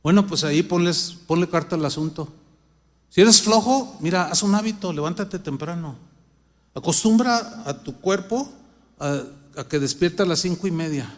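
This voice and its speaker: A middle-aged man with a Mexican accent preaches in a conversational, humorous way, voicing his own thoughts as he tells a story. His voice sits high, and it carries a long reverb of a large church hall. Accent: Mexican Spanish. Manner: reads scripture louder and slower. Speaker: pastor. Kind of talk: sermon.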